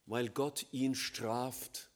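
A man preaching a sermon, swinging between loud emphatic lines and quiet, low, slow passages. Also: steady tone.

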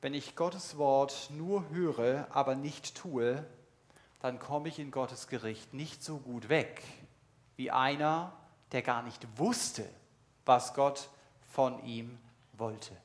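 A man's voice: medium pitch, slow. A middle-aged man preaching a sermon at a church service, earnest and emphatic, speaking straight to his listeners.

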